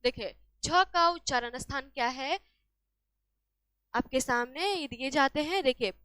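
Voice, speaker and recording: A woman's voice: high voice, measured pace, sharp tone, no echo. A woman teaching a lesson on exam solutions, asking each question and answering it herself.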